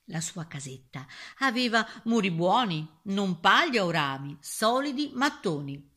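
A woman's voice: mid-range voice, big pitch swings, measured pace, pushed and bright, husky. A woman reading a rhyming fairy tale aloud, playful and theatrical. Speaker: storyteller.

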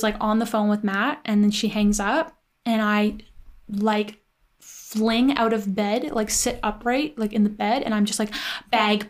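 A young woman casually telling a story, chatty and full of "like" fillers, animated in her retelling. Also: medium pitch.

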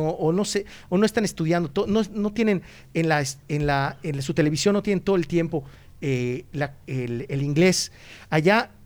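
A man with a Mexican accent, a podcast guest chatting casually and animatedly, often acting out what others say, with frequent restarts. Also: fairly high pitch. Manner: animated storyteller who acts out quoted voices, frequent restarts. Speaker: guest, student exchange organizer. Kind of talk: casual conversation.

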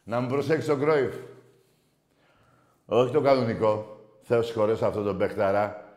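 A man hosting a call-in sports radio show, loud and mocking as he argues with callers. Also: on the low side, fairly even intonation, roomy sound. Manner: loud, shouting and mocking rival fans. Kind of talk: heated call-in sports banter.

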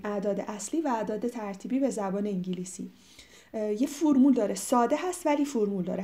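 A young adult woman whose first language is Persian, teaching English vocabulary in a podcast lesson. She explains in Persian and reads English examples slowly and clearly. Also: mid-range voice, mellow.

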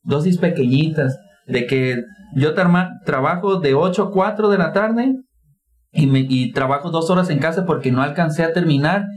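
A man's voice: a little high, normal speed. A young Mexican man speaking casual chat as a podcast co-host, slangy and laughing often. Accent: Mexican Spanish. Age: young adult.

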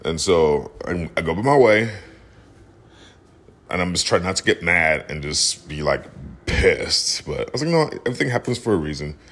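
A man on his podcast tells a rambling, laid-back story, chuckling along the way. His voice is very deep and husky, and it swings widely up and down as he acts out the people he describes. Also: animated, measured pace, a bit bright. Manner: laid-back, laughs while telling a story. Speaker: podcast host. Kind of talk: casual storytelling.

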